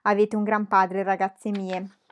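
A fussy, easily flustered mother, as a woman reader voices her, shrill and complaining in a storybook reading. She frets over her nerves and her daughters all the time. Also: little pitch movement, unhurried, close to an everyday voice. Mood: gushing. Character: fussy, nervous, excitable middle-aged mother.

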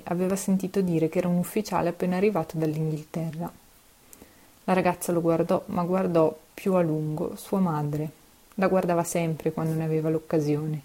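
Low, mellow woman reading a story. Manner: steady, expressive reading. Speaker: narrator.

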